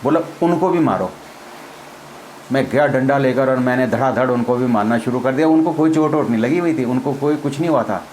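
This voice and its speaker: A man's voice: mid-range voice, fairly quick, darkish tone, slight background noise, low-quality recording. A man, a former army officer, telling a personal story in a casual spoken way, acting out the dialogue and laughing as he goes. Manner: acts out quoted dialogue, laughs as he tells it.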